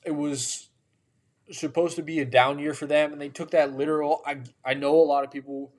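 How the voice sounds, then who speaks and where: A tired man hosting a podcast, giving opinionated casual sports commentary with a drawn-out delivery. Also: fairly high pitch, flat delivery. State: tired, yawning. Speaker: podcast host.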